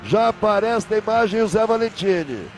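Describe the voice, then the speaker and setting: A man's voice: sits high, expressive, moderate pace, crowd noise. A man commentating live on a car race as a motorsport commentator, emphatic and repeating names and phrases. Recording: loud engine and trackside ambience noise.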